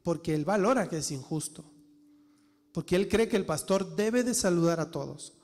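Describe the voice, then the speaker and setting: A man's voice: high voice, animated, normal speed, darkish tone. A man, a pastor, preaching a sermon with rhetorical questions and dramatic quoted voices. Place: church hall. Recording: church hall reverb.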